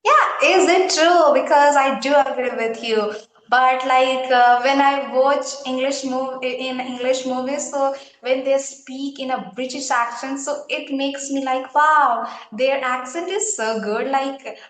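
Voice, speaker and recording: Speaking a little slowly, an Indian-accented woman with a high, somewhat bright voice answers interview questions as an English learner, hesitating often and full of fillers and restarts. The casual chat is captured on a rough, reverberant recording.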